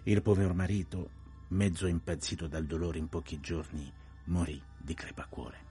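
An actor playing a precise, courteous older detective in a radio play, telling events in a measured, grave way. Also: male voice, low voice, steady tone, warm tone, soft background music, close to an everyday voice.

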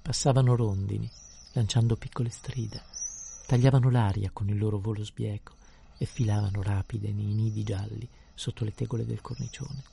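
A man narrating a classic novel in a measured, descriptive audiobook reading. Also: fairly low pitch, fairly even intonation, gravelly, dark tone, a little hiss or hum.

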